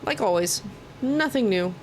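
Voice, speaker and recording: With a medium-pitched, animated voice and an unhurried pace, an Oklahoma woman rambles through casual commentary while livestreaming a video game. She's informal, swears occasionally and seems a little worn out. Background noise is noticeable in the recording.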